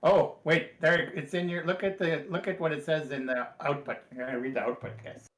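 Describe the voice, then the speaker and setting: A man's voice: a little high, fairly even intonation, a bit bright, echoey room, rough recording. Man giving repetitive casual instructions. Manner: repeats words, quick affirmations. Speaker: co-host guiding setup.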